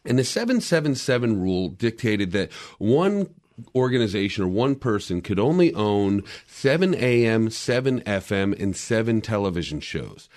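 A man's voice: lowish voice, a little mellow. A man in a casual podcast discussion, explaining media history in a lecturing way with frequent restarts.

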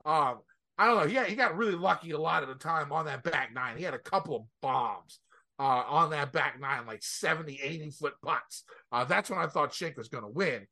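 Guy cohosting a golf show, kinda high sharp voice, rambles through a casual recap of the play. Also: animated, moderate pace. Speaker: co-host of a golf podcast. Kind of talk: casual sports recap commentary.

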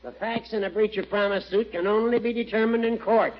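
An actor playing a dry, crafty older judge with a creaky voice in old radio comedy. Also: male voice, high voice, steady tone, a little fast, close to an everyday voice. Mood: dry, smug. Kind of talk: 1940s radio comedy acting. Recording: muffled old radio recording, faint noise.

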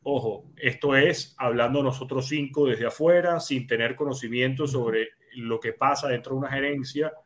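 A man's voice: medium pitch, moderate pace, hardly any pauses. A man giving casual sports commentary as a panelist, reasoning things through step by step.

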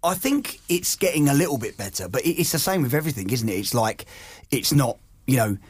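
A husky man in his forties chats on a podcast, rambling through animated stories and restarting his sentences often. His voice is recorded close and dry, with no room sound around it. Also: mid-range voice, a little fast, dry recording. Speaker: podcast co-host. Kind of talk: casual chat.

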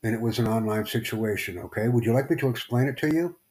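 A man from the United States hosting a live stream, chatting casually with strangers in a rambling, halting way full of fillers. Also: medium pitch, darkish tone. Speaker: livestream host.

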